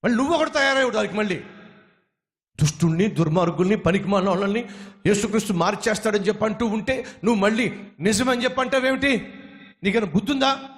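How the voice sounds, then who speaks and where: A man voicing an angry, loudmouthed man who shouts and scolds while threatening a preacher. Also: high-pitched, fast talker, big-room sound, voice pushed up. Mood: scornful.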